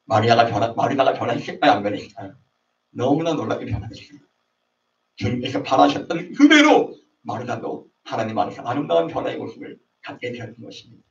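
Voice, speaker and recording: A man's voice: medium pitch, very animated, fast, vocal fry, a little hiss or hum. A man preaching a sermon to a young adults' service, acting out quarrels in raised voices. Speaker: pastor. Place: church sanctuary. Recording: roomy, distant, dull online service audio.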